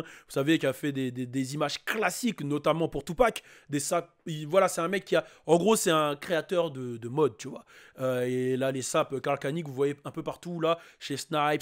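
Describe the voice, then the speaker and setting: A man hosting a YouTube reaction video, talking casually and excitedly to his viewers with lots of fillers. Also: fairly high pitch, a little fast. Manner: excitable, hyped, chatty with many fillers.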